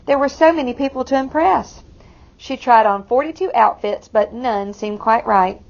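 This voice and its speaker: Creaky, high-voiced woman reading to children. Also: moderate pace, highs cut off. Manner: expressive, explains the story to young listeners. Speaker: read-aloud storyteller for children. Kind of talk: reading a picture book aloud with asides to children.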